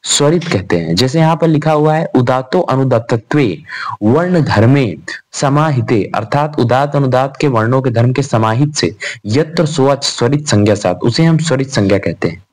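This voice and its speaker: A man's voice: medium pitch, animated, moderate pace, darkish tone. A young man giving an informal revision lecture on grammar. He talks in a chatty way, calls the students "bhai", and asks and answers his own questions. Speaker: Sanskrit grammar tutor.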